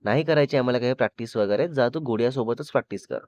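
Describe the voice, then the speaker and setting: A man's voice: medium pitch, racing, a little mellow, dry recording, natural voice. A sulky, jealous young woman, as a male narrator reads her. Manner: pouting, snappy retorts. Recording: slightly dull lo-fi recording.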